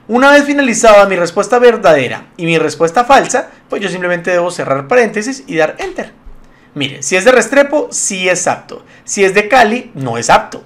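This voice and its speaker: A man's voice: sits high, fairly bright tone. A man giving a casual spreadsheet lesson, chatty and laughing easily as he talks to his viewers. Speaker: Excel tutorial instructor.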